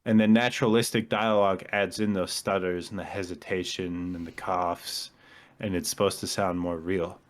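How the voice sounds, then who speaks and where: Low-voiced man explaining films at length. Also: level tone, moderate pace. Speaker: podcast co-host. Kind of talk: casual chat.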